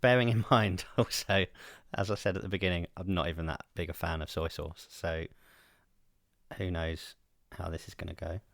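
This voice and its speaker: A man's voice: low voice, fairly even intonation, normal speed, creaky, a bit bright, no room sound, studio quality. A man, co-hosting a podcast in casual chat, wry and questioning, often laughing. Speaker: podcast co-host.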